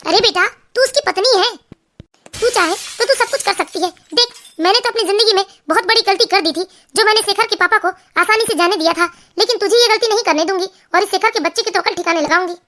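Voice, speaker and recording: A woman's voice: extremely high pitch, fast talker, bright, forceful tone, a little hiss or hum. A woman voicing a strong-willed older mother-in-law who comforts her daughter-in-law and scolds her son. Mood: scheming, firm. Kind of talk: storybook cartoon voice acting.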